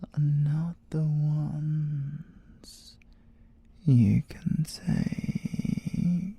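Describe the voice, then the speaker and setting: A British man heavily acts out a seductive, possessive siren villain for a theatrical ASMR roleplay, his voice on the high side, creaky and dark. Obsessive and playful, he teases with drawn-out delivery that drops into whispers, over faint hiss or hum.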